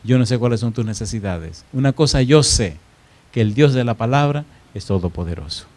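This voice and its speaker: A man preaching a sermon in church, telling a story with dramatic swings between loud and hushed delivery and questions to the congregation. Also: mid-range voice, expressive, brisk.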